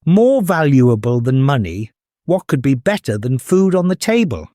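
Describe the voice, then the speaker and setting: A man's voice: medium pitch, very animated, moderate pace, warm tone, dry recording, studio quality, lightly acted. A man voicing a poor, earnest, hopeful young boy in a children's storybook. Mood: doubtful.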